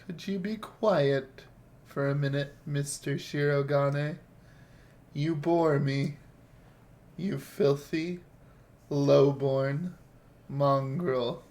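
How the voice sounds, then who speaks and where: A man voicing a sinister, condescending male bird doctor in a game, speaking with slow, silky, menacing politeness. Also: a little high, fairly even intonation, a little mellow. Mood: contemptuous. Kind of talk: reading visual novel dialogue aloud. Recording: faint music behind.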